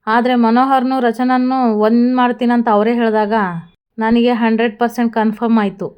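A woman's voice: a little high, little pitch movement, moderate pace, a little mellow, smooth, lightly acted. A woman reading the lines of an earnest young man from a TV serial in a plain recap voice. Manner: read out plainly in a retelling.

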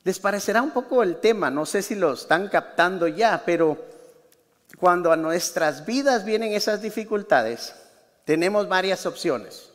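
High-voiced pastor preaching in a church. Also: male voice, expressive, moderate pace, long reverb tail. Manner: conversational, asks the congregation questions. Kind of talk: sermon. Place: church sanctuary.

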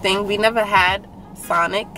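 A woman's voice: medium pitch, fairly even intonation, unhurried, sharp tone, slight background noise, poor audio. A young woman vlogger in casual, rambling chat, filming from a parked car at a drive-in. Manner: chatty, rambling, laughing often.

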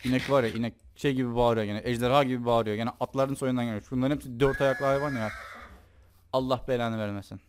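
This gaming YouTuber, a young man, speaks quickly in a mid-range voice with fairly even intonation, and a little hiss or hum sits under the audio. His commentary on his own play is chatty and joking, and he talks to the creatures in the game.

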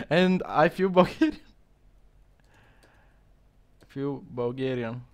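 Young man, streamer, headset mic, slow halting reading, fillers and chuckles, slightly high voice, small room. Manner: reads aloud haltingly with many fillers and chuckles. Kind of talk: casual live-stream commentary. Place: small dim room indoors.

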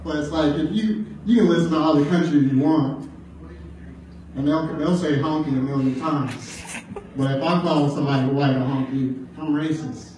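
A man's voice: fairly high pitch, steady tone, normal speed, warm tone. A man in his twenties from the American Midwest doing stand-up at an open mic, rambling loosely with lots of fillers and swearing. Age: 20s. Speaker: stand-up comedian. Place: bar or club room at an open mic. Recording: very echoey room, distant mic, faint noise. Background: audience laughter.

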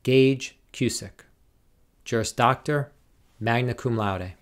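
A man formally reading out graduates' names and degrees at a commencement, in a slow, measured, deliberate way. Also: mid-range voice. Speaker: commencement name reader.

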